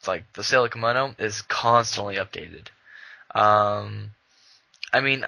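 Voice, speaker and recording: Young male podcast co-host, low-ish voice, very bright tone, loose rambling delivery. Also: no echo, rough recording. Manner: rambling, many fillers and restarts. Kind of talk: casual chat.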